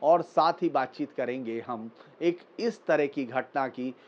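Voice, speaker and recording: A man delivering political news commentary in a measured, explanatory way, with frequent pauses and fillers. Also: medium pitch. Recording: slightly dull lo-fi recording.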